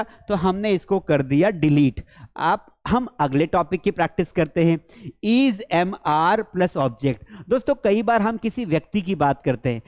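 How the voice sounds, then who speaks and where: A man with an Indian accent and a high voice teaches English phrases. He asks a question, answers it himself, and then says each example sentence slowly and clearly. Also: darkish tone. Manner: explains step by step, asks and answers his own questions, slows down on English examples. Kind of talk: spoken English lesson in Hindi.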